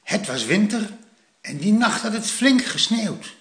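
A man reading a children's story aloud in a slow, expressive way. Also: high voice, echoey room.

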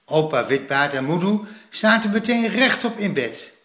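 A man reading a children's story aloud in a slow, expressive way. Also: high voice, echoey room.

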